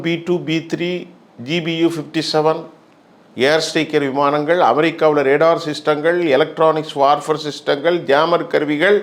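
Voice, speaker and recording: A male journalist delivers news analysis in a slow, measured cadence. His somewhat high voice swings widely in pitch as he stresses each point and runs through long lists emphatically. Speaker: journalist commentator.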